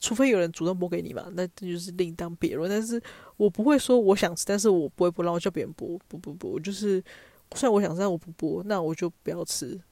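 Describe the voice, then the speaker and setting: A woman's voice: on the low side, fast talker, dark tone, dry recording. A young woman with a Taiwanese Mandarin accent, telling stories in a chatty, self-mocking way as a podcast host. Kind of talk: casual storytelling monologue.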